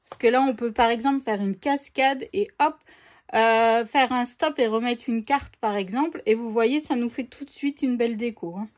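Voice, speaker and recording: A woman's voice: on the high side, normal speed. A woman casually presenting craft papers to her viewers in a chatty unboxing video, often hesitating with fillers as she talks. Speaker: scrapbooking vlogger showing craft papers.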